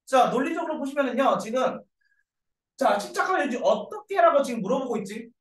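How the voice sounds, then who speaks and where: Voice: sits high, expressive, fast. Teacher walking kids through a reading, lots of up and down in the voice, sounds far from the mic. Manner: keeps checking in with students and repeats each point. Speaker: English teacher for middle schoolers. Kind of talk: classroom grammar lecture. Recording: echoey room, mic far off.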